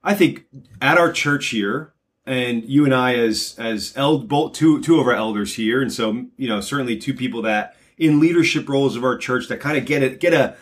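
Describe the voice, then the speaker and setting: A man from North Jersey, a church elder, chatting casually and rambling, self-deprecating and quick to laugh. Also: medium pitch. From North Jersey, USA. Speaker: church elder, podcast co-host. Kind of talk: casual chat.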